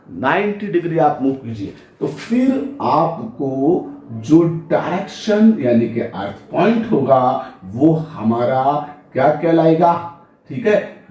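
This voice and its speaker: A man's voice: on the high side, darkish tone. A man teaching physics in speech at a board, who asks the class questions and answers them himself. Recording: echoey room.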